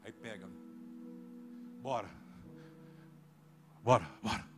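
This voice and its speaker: A Brazilian man preaching a sermon as a pastor, dropping to low murmurs and then rising to shouted calls. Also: takes it slowly, over loud music. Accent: Brazilian Portuguese.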